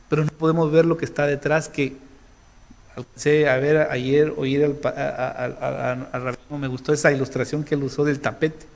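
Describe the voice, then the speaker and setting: High-pitched man preaching casually. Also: a little mellow. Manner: conversational, halting restarts, laughs at his own story. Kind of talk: informal sermon with personal stories.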